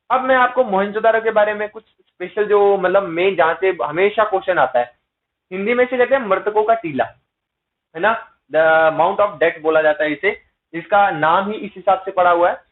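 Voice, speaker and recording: A man teaching an exam-prep lecture, asking rhetorical questions and checking in with his listeners. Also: sits high. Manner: explains with repeated rhetorical questions and "है ना" tag checks; mixes English terms into explanations. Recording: tinny phone-like sound.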